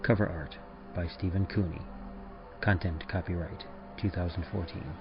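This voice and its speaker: A man reading scripted podcast credits as narrator, in a measured, formal announcing manner. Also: deep voice, steady tone. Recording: dull lo-fi audio over music. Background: music.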